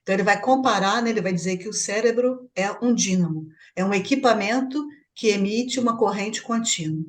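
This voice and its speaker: With hardly any pauses and a fairly quick pace, a Brazilian woman in a mid-range voice walks through a chapter of a spiritist book for her study group. She speaks with a Brazilian Portuguese accent, explaining and asking her partner for confirmation.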